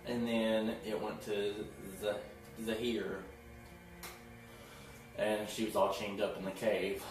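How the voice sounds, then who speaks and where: A man with a fairly low pitch chats through a TV episode recap, laughing often and playing out the characters' lines. He is recorded from a distance and off-mic, in a very echoey room with faint music.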